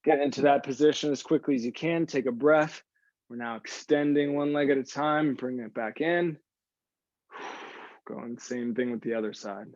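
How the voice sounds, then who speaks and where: A man's darkish, mid-range voice, at a normal speed, is captured on a lo-fi recording with no room sound. He's a fitness instructor coaching a live workout, cueing moves and repeating short praise to the group between audible sighing breaths of exertion.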